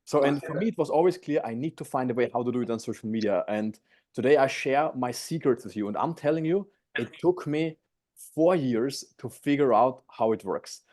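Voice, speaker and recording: A man's voice: medium pitch, expressive, a little fast, darkish tone. A man in his twenties from Austria with an Austrian accent, eagerly teaching an online sales masterclass from home on a video call. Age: 20s. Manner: upbeat, eager, slightly non-native phrasing. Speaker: guest speaker.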